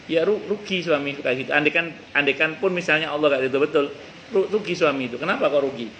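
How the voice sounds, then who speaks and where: A man's voice: a little high, fast, sharp tone, a little hiss or hum, low-quality recording. A man giving a religious study lecture in a conversational way, often repeating his points and quoting Arabic verses. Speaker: religious teacher. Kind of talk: mosque study-circle lecture. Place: cafe.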